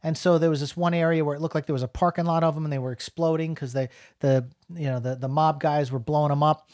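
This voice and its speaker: A man's voice: on the high side, steady tone, quick pace, a little mellow, no room sound, studio quality. A middle-aged man from New Jersey giving a casual, rambling spoken film review, full of fillers and restarts.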